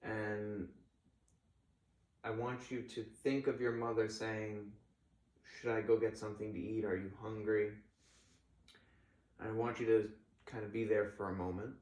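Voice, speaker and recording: Low-voiced man, calm counselor in echoey room. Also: a little slow, long pauses. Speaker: therapist in a counseling role-play. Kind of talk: counseling session role-play.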